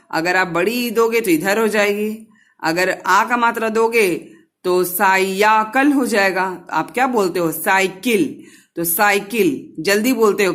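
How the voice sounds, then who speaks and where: A woman teaching young children Hindi vowel signs online, asking questions and answering them herself as she repeats words slowly. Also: medium pitch, fairly bright tone. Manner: slow, patient, repeats words and syllables for children. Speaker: primary school teacher.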